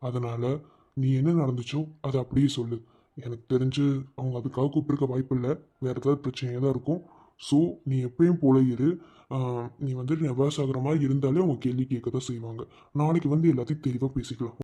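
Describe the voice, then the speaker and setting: A man's voice: mid-range voice, steady tone, a little fast, mellow, slightly rough, natural voice. A man voicing a young husband in a cartoon love story, teasing his wife and then reassuring her in a coaxing way. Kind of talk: cartoon voice acting.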